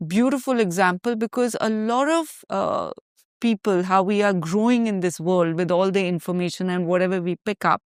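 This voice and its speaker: Indian woman, podcast host, mid-pitched, clear voice, emphatic deliberate phrasing, conversational. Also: no echo, clean studio sound. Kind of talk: casual conversational interview.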